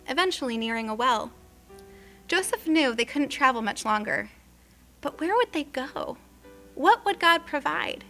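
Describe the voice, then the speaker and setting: A woman narrating a scripted story in an expressive, tender way. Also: fairly high pitch. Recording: faint music underneath.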